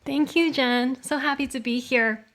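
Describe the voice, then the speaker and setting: A woman in her thirties, born in Taiwan and raised in Canada, talks as a podcast guest. Her voice sits a little high. She speaks in an easygoing, open way and laughs often. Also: steady tone, a little slow, a bit bright. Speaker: guest, yoga studio founder. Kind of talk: interview conversation.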